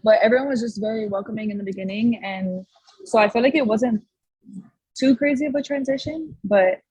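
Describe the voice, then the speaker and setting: Young female athlete from Hawaii, husky voice, dry close sound, halting and easygoing. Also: fairly high pitch, a little mellow, no room sound, poor audio. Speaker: professional soccer player. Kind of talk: media day interview.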